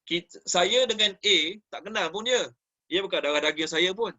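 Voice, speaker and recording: A man teaching a Quran study class in a Malaysian Malay accent. He talks in an animated way, builds on everyday examples and puts questions to his audience. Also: high-pitched, moderate pace. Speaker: religious teacher.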